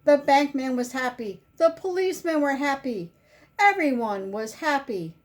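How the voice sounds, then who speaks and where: In a high-pitched, animated voice, a woman volunteer reads a children's picture book out loud. She tells the story simply and deliberately, stressing the important words.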